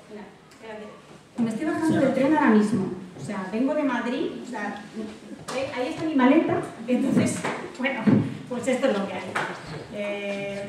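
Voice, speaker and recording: A woman with a Spanish accent from Spain gives an informal, conversational guest talk in a slightly high, somewhat mellow voice. She's recorded with a distant mic in a very echoey indoor hall, with background noise.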